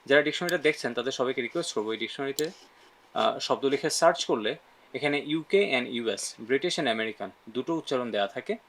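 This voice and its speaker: A man runs a pronunciation lesson, switching between Bengali and English. He leads repeat-after-me drills sound by sound and keeps checking in with his listeners. His pitch sits at a middle level for a man. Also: animated, a little fast, fairly bright tone. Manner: asks frequent "right?" check-ins.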